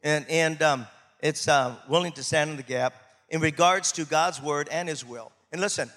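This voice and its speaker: A man's voice: a little high, normal speed, fairly bright tone, long reverb tail. A man preaching a sermon as pastor, emphatic and repeating words to drive points home.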